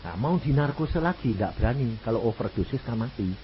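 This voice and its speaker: A man with a Javanese accent preaching a sermon, telling a story and acting out the voices in it. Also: brisk. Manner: animated, acts out dialogue with wide pitch swings. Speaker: evangelist preacher. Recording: muffled lo-fi recording with faint noise.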